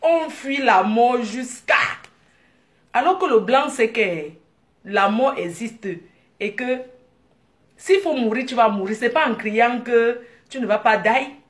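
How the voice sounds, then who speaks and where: A woman from Africa, telling a story in a casual vlog, animated and laughing with excited bursts. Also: on the high side, takes it slowly. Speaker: vlogger.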